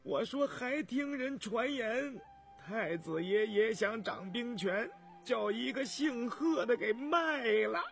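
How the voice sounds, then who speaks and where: A very high, cracked old man's wail, hoarse and choked with sobs. The grieving old servant drags his words out slowly, gravelly and broken, with faint music far behind. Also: expressive, fairly bright tone, full character voice. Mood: tearful. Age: older. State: crying. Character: grief-stricken old male servant, weeping. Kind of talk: storytelling voice acting.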